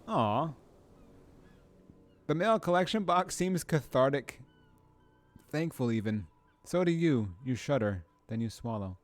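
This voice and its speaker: A man's voice: mid-range voice, expressive, a little slow, pauses often. A man streaming a video game, reading the game text aloud and making casual, playful comments to his chat, with frequent swearing and laughing.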